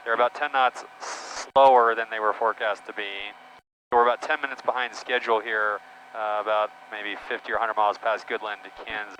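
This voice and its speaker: A man talking as a pilot, casually narrating a flight in a halting, matter-of-fact way. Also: fairly low pitch, level tone, sharp tone. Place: small airplane cockpit in flight. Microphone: aviation headset. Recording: dull, noisy aircraft cockpit intercom. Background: engine noise, radio.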